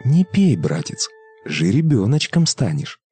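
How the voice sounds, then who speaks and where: A man plays a young fairy-tale sister, tender and sorrowful. The lines swing expressively in pitch, with music underneath. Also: wildly swooping pitch, unhurried, dark tone, breathy edge, heavily acted. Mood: cautioning. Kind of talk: fairy-tale character acting.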